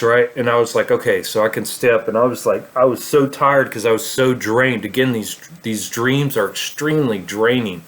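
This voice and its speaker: Rambling man telling a story. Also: medium pitch. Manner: rambling, many fillers and restarts. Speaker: vlogger. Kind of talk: casual storytelling monologue.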